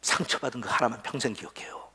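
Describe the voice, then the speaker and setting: A male pastor preaching a sermon in a church, animated and shifting between loud outbursts and soft asides. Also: mid-range voice, fast, husky. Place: church sanctuary. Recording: church hall with long reverb.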